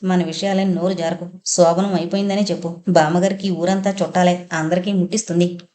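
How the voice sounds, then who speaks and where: Female narrator voicing a curt, fed-up young husband in an audio novel; low, dark tone. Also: level tone, brisk, natural voice. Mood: frustrated. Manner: quiet, curt. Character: young married man, frustrated and curt.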